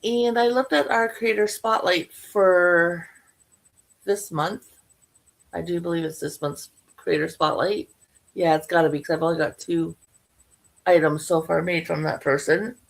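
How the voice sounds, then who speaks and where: A woman's voice: fairly low pitch, fairly even intonation, a little slow, gravelly. A middle-aged woman talking casually to her viewers about her crochet projects, rambling and correcting herself as she goes. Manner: rambling, chatty, self-correcting. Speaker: crochet vlogger.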